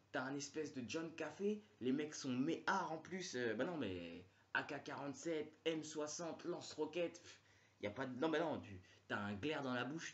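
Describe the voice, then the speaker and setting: A man's voice: medium pitch, lo-fi sound. Rambling, slangy male comedian. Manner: rambling, slangy, full of fillers. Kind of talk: stand-up comedy monologue.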